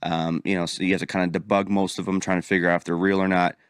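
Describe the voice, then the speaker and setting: A man's voice: low voice, little pitch movement, fast, clear, resonant tone, dry recording, studio quality. A man co-hosting a podcast in casual chat, rambling and swearing freely. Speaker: podcast co-host.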